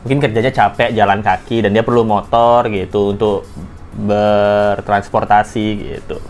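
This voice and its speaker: A man's voice: on the low side, little pitch movement, moderate pace, a little mellow, faint music behind. A man giving joking reaction commentary on clips, laughing often. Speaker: commentary vlogger.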